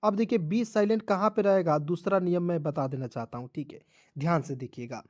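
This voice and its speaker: A man's voice: fairly high pitch, fairly quick, darkish tone. A man teaching English pronunciation in a video lesson, drilling each rule again and again and addressing viewers as friends.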